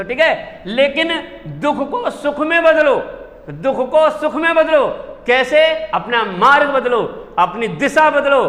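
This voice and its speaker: A man's voice: extremely high pitch, a bit bright. A man teaching Hindi spelling, drilling each word and quizzing his class with repeated questions. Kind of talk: classroom lesson. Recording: long hall reverb.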